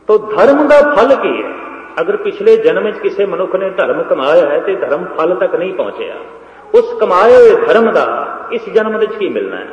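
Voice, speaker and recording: A man giving a Sikh religious discourse to a congregation, emphatic and repetitive, swinging between loud and soft. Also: high voice, sing-song, normal speed. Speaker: Sikh preacher. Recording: echoey dull lo-fi hall recording.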